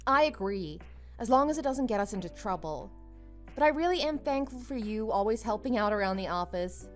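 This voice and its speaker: An actress playing a friendly, earnest young female office worker, confiding and expressive, in a dramatized story. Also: medium pitch, a little fast, soft background music, lightly acted. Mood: grateful, warm.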